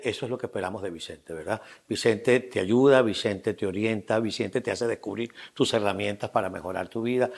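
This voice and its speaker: A man's voice: fairly low pitch, slightly rough. A man hosting an interview, asking questions in an affirming, rhetorical way. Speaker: interview host.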